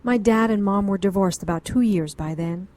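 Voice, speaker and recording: An actress voices an anxious, educated middle-aged woman who is a client in a noir radio drama, pleading earnestly. Her mid-range voice moves at normal speed, a little mellow and lightly acted, and the mood is earnest and rambling.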